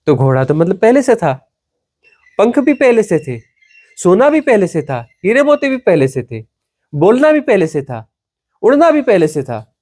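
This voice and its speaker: High-voiced male spiritual teacher. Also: very animated. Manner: emphatic and repetitive, drawn-out phrases sinking to a hush. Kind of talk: satsang discourse.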